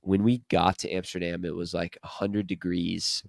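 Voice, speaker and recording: A man's voice: deep voice, flat delivery, moderate pace, creaky, dry recording, studio quality. A man hosting a podcast, telling travel stories in a casual, chatty way and laughing often. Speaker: podcast host.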